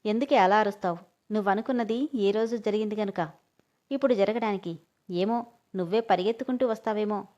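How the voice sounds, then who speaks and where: A woman's voice: medium pitch, fairly quick, dark tone, lo-fi sound, natural voice. A woman voicing a cocky young man who teases his wife, in a storybook reading. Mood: teasing.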